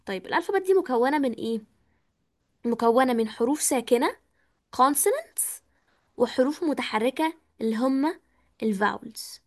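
A woman's voice: sits high, expressive, moderate pace, long pauses, a little mellow. A woman with an Egyptian Arabic accent teaching an online English class, patiently explaining and asking students questions, with English words mixed into her talk.

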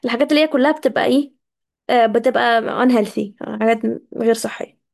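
Egyptian woman, high voice, chatty English teacher who drills words slowly for her class. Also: creaky. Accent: Egyptian Arabic. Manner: chatty, addresses students directly. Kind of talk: casual live vocabulary lesson.

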